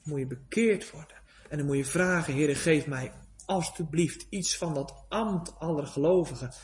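Fervent high-voiced preacher. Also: male voice, moderate pace, slight background noise. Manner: fervent, pleading, swings between hushed and loud. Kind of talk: sermon.

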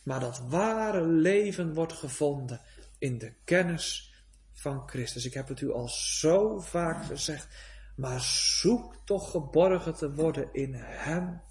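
Fervent high-voiced preacher. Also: male voice. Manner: fervent, pleading, swings between hushed and loud. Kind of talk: sermon.

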